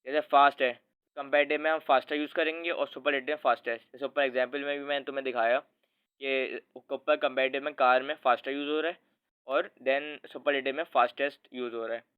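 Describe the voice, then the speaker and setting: This English grammar teacher speaks at a medium pitch with a steady, brisk, clean delivery. His lesson is relaxed and explanatory, he treats the viewer as a friend, and he frequently corrects himself. The recording has a tinny, phone-like quality.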